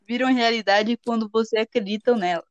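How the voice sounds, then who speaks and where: A woman's voice: on the high side, fairly quick, no echo. A woman with a Brazilian Portuguese accent, co-hosting a podcast in casual chat with a blunt, teasing manner. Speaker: podcast co-host. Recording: slightly muffled lo-fi audio.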